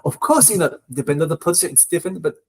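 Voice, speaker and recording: Guy cohost, eager, kinda husky voice, loose phrasing. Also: on the high side, animated, racing, poor audio. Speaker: co-host, recruiter. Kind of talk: casual interview talk.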